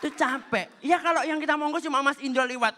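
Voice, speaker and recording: A man from Java performing a stand-up comedy set, animated and acting out little exchanges. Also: extremely high pitch, fast talker, a faint crowd, a little hiss or hum. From Java, Indonesia. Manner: animated, acts out short quoted exchanges in other voices.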